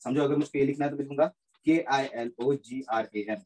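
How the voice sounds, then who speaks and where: In this poor-quality recording, a man gives a classroom physics lecture mixing Hindi and English, going over points again and making sure students follow. He speaks briskly in a steady, mellow, medium-pitched voice.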